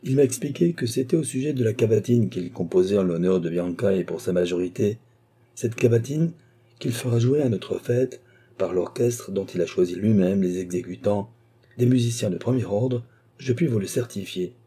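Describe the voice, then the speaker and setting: A man's voice: fairly low pitch, normal speed, dark tone, slightly rough. A man voicing an anxious aristocratic count, a fretful father who speaks eagerly and insistently in a read-aloud novel. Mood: proud.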